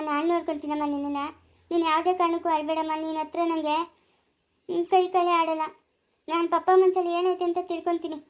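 Brief: performer as devoted daughter, gentle and repetitive, piercingly high voice. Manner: soothing, reassuring and repetitive. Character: caring daughter consoling her mother. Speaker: daughter in a family skit. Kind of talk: amateur family skit.

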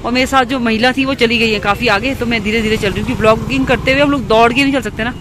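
A woman's voice: a little high, fairly even intonation, racing. Woman, walking phone vlog, chatty to viewers, outdoor road, faint street noise. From Uttarakhand, India. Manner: chatty, keeps addressing viewers as friends. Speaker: vlogger. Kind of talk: casual walking vlog narration. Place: outdoors on a foggy lakeside road. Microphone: handheld phone while walking.

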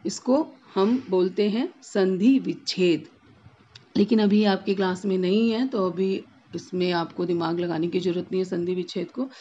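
A woman teaching a basic Hindi lesson for children, repeating each word slowly and stretching its sounds. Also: medium pitch, a little mellow, slightly rough, highs cut off. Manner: drawn-out, emphatic word repetition.

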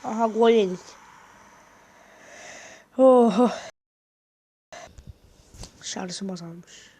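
A woman's voice: medium pitch, drawn-out words, warm tone, breathy edge. A woman giving casual gameplay commentary, talking to viewers and muttering reactions as she plays. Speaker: gaming video host.

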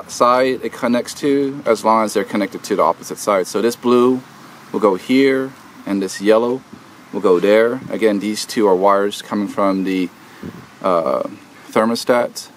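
A man's voice: fairly low pitch, measured pace, slight background noise. A man hosting a do-it-yourself video, talking through a repair step by step outdoors with many hesitant fillers. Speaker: DIY video host. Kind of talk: casual how-to explanation. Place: outdoors at an air conditioner unit.

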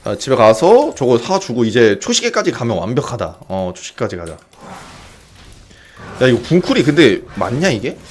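Excitable young man shouting game commentary. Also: mid-range voice, moderate pace, slight background noise. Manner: excitable, shouts and yells during fights, swears casually. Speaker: game streamer. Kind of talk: excited live gameplay commentary.

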